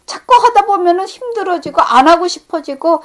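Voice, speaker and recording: A middle-aged woman delivers a sermon in a high, light voice. She speaks earnestly, swelling into emphatic peaks before falling back to hushed, near-whispered lines. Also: expressive, a little fast. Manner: earnest, rising to emphatic peaks then dropping to hushed tones. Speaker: preacher.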